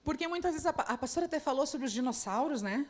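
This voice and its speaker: A woman's voice: high-pitched, expressive, quick pace. A woman preaching to church leaders at a conference, speaking straight to her listeners with many rhetorical questions. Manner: addresses the audience directly with rhetorical questions. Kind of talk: sermon.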